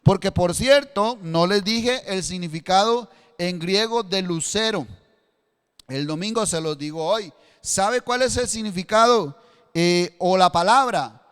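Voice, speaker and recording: A Costa Rican man preaching in a high, clear, resonant voice. He shifts between quiet explanation and fervent emphasis, and his voice rings out with a long church-hall reverb. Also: measured pace. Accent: Costa Rican Spanish. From Costa Rica. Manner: preaching with a matchstick demonstration, rising to fervent emphasis. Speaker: pastor. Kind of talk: sermon.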